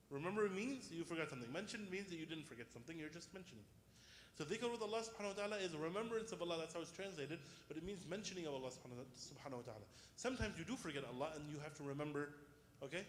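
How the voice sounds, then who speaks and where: A male religious teacher with a fairly high voice leads an informal class. He explains step by step, putting questions to listeners and restating key points. The room is very echoey, with faint background noise. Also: animated, very fast. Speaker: Islamic teacher. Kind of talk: informal interactive religious lesson. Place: indoors in a reverberant room.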